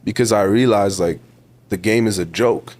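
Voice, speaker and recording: In casual interview talk on a podcast, a guest in his twenties from Ontario, Canada, speaks with a Toronto accent in a somewhat low, slightly mellow voice at normal speed. He calls the host bro and stays emphatic and motivational, leaning on repeated words to press each point.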